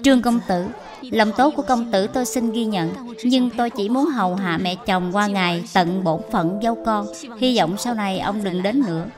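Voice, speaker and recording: A woman voicing a gentle, humble young widowed daughter-in-law in a dubbed period drama. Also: medium pitch, normal speed, lightly acted. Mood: firm. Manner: pleading, soft and humble. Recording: with music behind.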